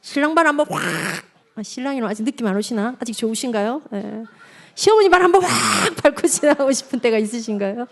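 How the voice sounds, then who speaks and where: Woman evangelist for a parent seminar talk: high voice, very animated delivery, engages the room directly. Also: fast talker, gravelly. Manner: animated, addresses the audience directly, acts out quotes. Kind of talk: lively seminar lecture.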